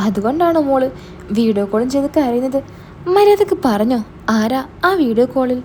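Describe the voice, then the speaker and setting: A woman's voice: high-pitched, lively intonation, fairly quick, a little mellow, slight background noise. Woman doing a stern scolding older brother. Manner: scolding, demanding.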